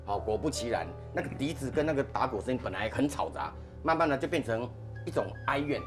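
A podcast host with a mid-range voice and a Taiwanese Mandarin accent talks fast while music plays in the background. Casual but dramatic, he animatedly recounts ghost stories to the panel.

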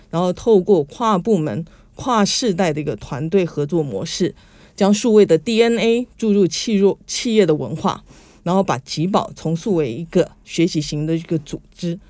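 Woman section chief, Taiwanese Mandarin, formal, measured, dry close sound. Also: fairly low pitch, mellow, no echo. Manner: measured, formal, corporate phrasing. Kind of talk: formal interview answers.

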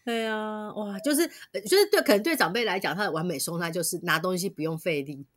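A woman with a Taiwanese Mandarin accent hosting a podcast in a casual chat, lively and agreeable, often chiming in with quick agreement. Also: medium pitch. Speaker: podcast host.

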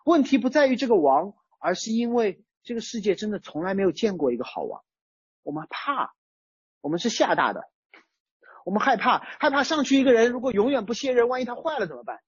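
Husky, lively conversational preacher. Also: mid-range voice, a little fast, dry recording, highs cut off. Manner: conversational, uses everyday chat-group analogies. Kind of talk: sermon on a psalm.

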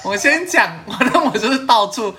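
On this casual podcast, a young woman hosts and tells stories with a Taiwanese Mandarin accent, her voice on the high side and her pace moderate. She's an animated storyteller who laughs often and swears playfully.

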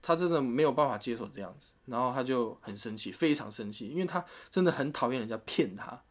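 A man's voice: medium pitch, quick pace. A man, telling a story in a casual chat and acting out what people said. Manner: animated retelling with quoted voices and laughs.

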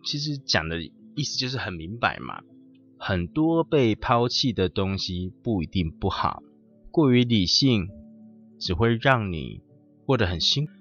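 A man hosts a podcast, telling a story and reflecting in a conversational, emphatic manner. His voice is fairly low but rises and falls a lot. The recording sounds muffled, with faint music underneath. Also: big pitch swings, unhurried, fairly bright tone. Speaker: podcast host. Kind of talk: storytelling monologue on dreams.

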